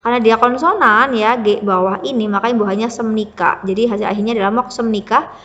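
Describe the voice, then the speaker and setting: A woman's voice: fairly high pitch, quick pace, a bit bright, muffled recording, a little hiss or hum. Patient woman teacher with a ringing echo. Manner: patient, explains step by step with frequent "ya" and "gitu". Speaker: Korean language teacher. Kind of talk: classroom-style lesson explanation.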